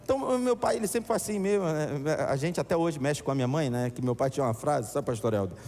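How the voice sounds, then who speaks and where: A man preaching a sermon as pastor, animated and acting out voices in his stories. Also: on the high side, fast. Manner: animated, acts out voices in anecdotes. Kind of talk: storytelling sermon. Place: church. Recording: echoey church hall.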